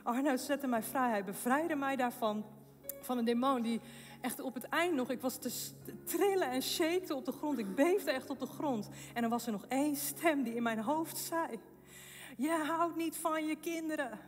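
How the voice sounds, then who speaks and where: At a faith event, a woman with a high voice speaking at normal speed gives an emotional testimony, telling her story with laughs and broken-off phrases before rising into impassioned, fervent preaching and proclamations. Faint music plays behind her, and the event hall gives a long echo.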